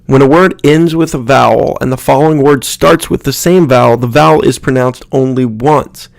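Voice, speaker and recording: A man explaining pronunciation in a lesson, saying example words slowly and repeating them. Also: mid-range voice, vocal fry, no echo, studio quality. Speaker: Spanish pronunciation teacher. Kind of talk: instructional explanation with spoken examples.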